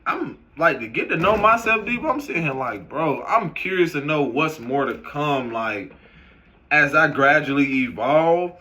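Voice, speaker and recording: A man's voice: on the high side, moderate pace. A man giving a casual, loose, profane monologue to camera as a vlogger, mixing stories and advice. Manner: loose, profane, animated storytelling. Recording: noisy background hiss.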